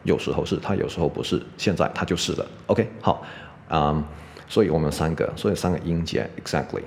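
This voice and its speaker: A man teaching English pronunciation on a podcast, explaining step by step, saying "OK" constantly and sounding out words slowly. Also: a bass voice, darkish tone. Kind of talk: casual spoken lesson. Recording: long reverb, faint background noise.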